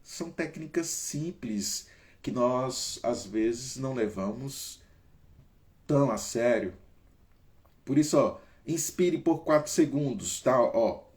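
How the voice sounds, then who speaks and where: A man's voice: mid-range voice, slow pace, pauses often. A man from Brazil hosting a casual talk, coaching listeners through breathing exercises and calling on them by name. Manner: animated, emphatic, varies pace and loudness. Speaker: host.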